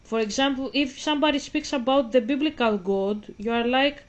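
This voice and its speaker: In a high voice at a moderate pace, a 25-year-old Greek vlogger speaks English, not her native Greek, directly to her viewers. Her casual commentary wanders and keeps breaking off mid-thought.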